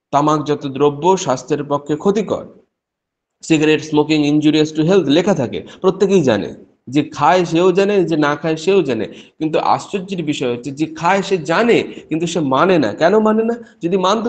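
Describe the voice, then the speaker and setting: A middle-aged man, a professor, giving a spoken discourse on spiritual teachings, restarting and repeating phrases as he explains. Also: a little high. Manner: acts out quoted exchanges in a story. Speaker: professor giving a religious talk.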